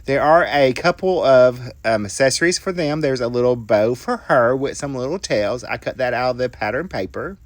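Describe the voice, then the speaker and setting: A middle-aged man narrates a crafting tutorial in a casual, folksy way. His pitch moves in a lively, animated way, full of friendly asides and little self-deprecating jokes. The recording is close and dry, with no room sound. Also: normal speed, hardly any pauses, no echo. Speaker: card-making tutorial host.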